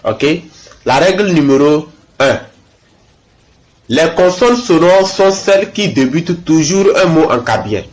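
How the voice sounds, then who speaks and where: A male language teacher speaks in a somewhat high voice, taking his time over each letter. He repeats example words twice and pauses to ask "ok?" before moving on. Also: lively intonation. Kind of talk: language lesson.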